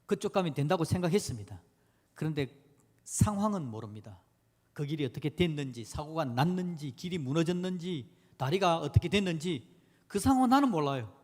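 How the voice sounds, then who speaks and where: Man preaching in a reverberant hall. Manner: animated preaching, swings from loud exclamations to quiet low asides. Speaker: pastor. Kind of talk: sermon. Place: church sanctuary. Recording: long church hall reverb.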